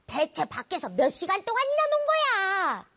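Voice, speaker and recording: A woman playing a curious, caring big sister, a child in an educational cartoon, animated and exclamatory. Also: very high-pitched, normal speed, full character voice. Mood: worried.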